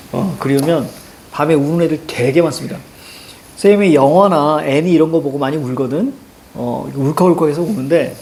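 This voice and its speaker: A man's voice: on the high side, darkish tone, a little hiss or hum. A middle-aged man teaching a class on classical poetry, chatting with students and acting out anecdotes with a raised voice. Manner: chatty, tells stories and acts out quotes with a raised voice.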